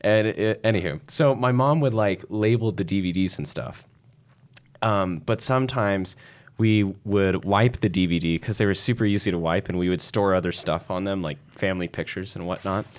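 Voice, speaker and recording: Deep-voiced chatty podcast host man. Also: normal speed. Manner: chatty storyteller, frequent fillers like "anywho". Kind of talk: casual podcast chat.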